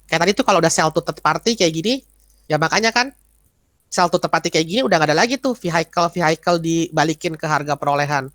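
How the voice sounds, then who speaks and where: Quick and fairly high-pitched with a slightly bright tone and no echo, a man lectures on accounting in an informal, explanatory style with Q&A. Short tags pop up often as he checks that everyone follows.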